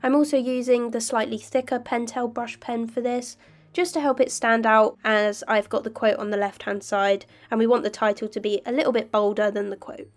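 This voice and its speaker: A young woman with a slightly croaky voice from illness, calmly narrating her journaling step by step. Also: on the high side, moderate pace. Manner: calm, detailed step-by-step explaining. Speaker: bullet journal vlogger. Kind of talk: voice-over narration of crafting.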